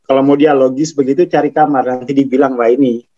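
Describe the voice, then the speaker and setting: A man's voice: mid-range voice, steady tone, fast talker, mellow, lo-fi sound. A man with a Javanese accent giving a casual spiritual talk, chuckling often and acting out a scolding inner voice. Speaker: spiritual teacher.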